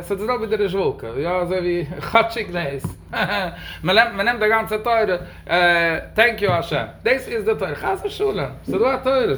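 A man with a high, quick voice gives a religious talk and answers questions. He speaks emphatically and keeps pushing the stress up on key words. Faint noise sits behind him. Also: fairly bright tone.

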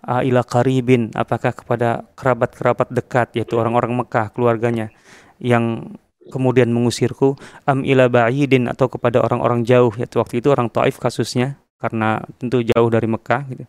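Gravelly-voiced Indonesian ustadz giving a talk. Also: male voice, medium pitch, flat delivery, no room sound. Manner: measured, with many fillers and Arabic quotations. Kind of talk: podcast religious talk.

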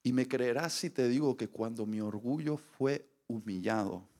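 A man, preaching a sermon as an animated storyteller who acts out scenes and voices. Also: mid-range voice, moderate pace.

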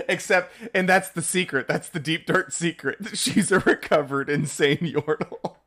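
A man co-hosting a casual geeky discussion in a jokey, excitable way. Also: on the high side. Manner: jokey, excitable, quick to laugh. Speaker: podcast co-host.

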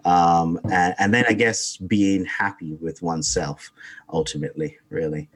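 Young guy from barbados, very low voice, lots of ums, chatting as a podcast guest. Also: fairly even intonation, normal speed, a bit bright, slightly rough. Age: 20s. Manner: hesitant, many ums and restarts. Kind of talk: casual interview talk.

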